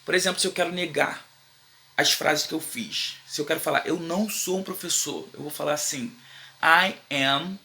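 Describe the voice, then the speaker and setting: Gravelly, bright Brazilian teacher man. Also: on the high side. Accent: Brazilian Portuguese. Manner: slow, drawn-out repetition of English phrases for learners; informal, slangy Brazilian Portuguese with frequent "beleza?" check-ins. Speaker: English teacher. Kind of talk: casual online English lesson.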